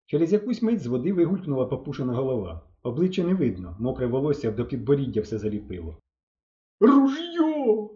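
A man reading a children's audiobook aloud with lively storytelling. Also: medium pitch, fast, few pauses, echoey room, lo-fi sound. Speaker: audiobook narrator.

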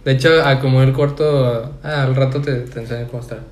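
A man's voice: medium pitch, steady tone, fast, slight background noise. Slangy young Mexican man in an echoey room. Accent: Mexican Spanish. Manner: slangy, laid-back, stumbling restarts. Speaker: podcast co-host. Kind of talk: casual chat.

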